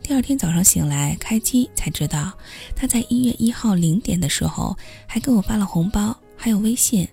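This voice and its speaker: A woman's voice: mid-range voice, animated, fairly quick, gravelly, warm tone, breathy edge, faint music behind. A woman reading a first-person story aloud as a podcast host, with a wry, self-mocking manner.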